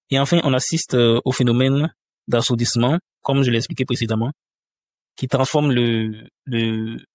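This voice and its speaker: A man giving a spoken lesson on pronunciation. He talks patiently, repeats each example word slowly, and often hesitates mid-sentence. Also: medium pitch, no echo, clean studio sound. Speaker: language teacher.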